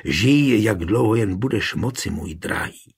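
Guy doing a dead woman's voice, faint and low, husky murmur, kinda far off. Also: animated, full character voice. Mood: tender. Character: decayed dead woman whispering softly.

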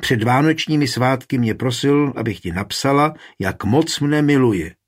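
A man with a husky voice reading an audiobook, raising his voice for an impulsive, bitter young woman. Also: medium pitch, pitched above the performer's own voice, natural voice. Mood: angry.

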